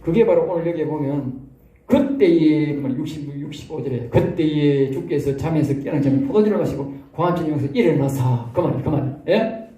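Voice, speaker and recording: A Korean pastor with a Gyeongsang accent, preaching in a lively, folksy way and often tossing rhetorical questions at the congregation. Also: male voice, a little high, fairly quick, echoey room. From South Korea. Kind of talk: sermon. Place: church hall.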